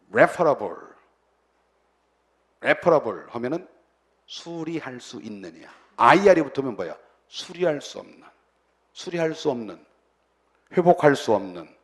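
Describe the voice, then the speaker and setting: A middle-aged man teaching an English vocabulary lecture, breaking words into roots and repeating their meanings in chanted lists for students to echo. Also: mid-range voice. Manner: has students repeat pronunciations after him.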